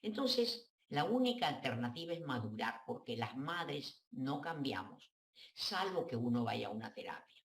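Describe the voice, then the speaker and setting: A woman's voice: a bass voice, sing-song, measured pace, roomy sound, slight background noise. A woman psychoanalyst, giving direct, frank advice to a listener on a talk show.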